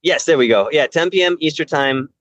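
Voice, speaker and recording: A man's voice: fairly high pitch, a little fast, fairly bright tone, no room sound. A man joining a casual live stream chat as a guest over a bad call connection that keeps cutting out, giving brief, agreeable replies. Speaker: guest, paranormal show host. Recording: muffled, dry video call line.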